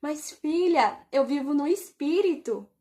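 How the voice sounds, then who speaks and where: A woman voicing Jesus as a calm, gentle adult man who speaks softly and reassuringly. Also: sits high, measured pace.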